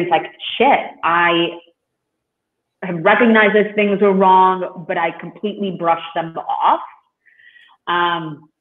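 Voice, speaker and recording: A man from Russia, a guest in an interview, talking in an earnest, halting way with many fillers. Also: sits high. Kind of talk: interview conversation. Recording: echoey, phone-like call line.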